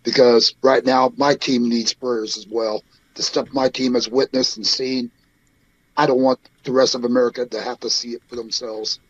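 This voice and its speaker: A man's voice: medium pitch, moderate pace, no room sound, highs cut off. A man from Idaho, a guest on a talk show, telling stories emphatically and acting out what people said. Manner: emphatic storyteller, quotes people in lively bursts. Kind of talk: remote interview guest.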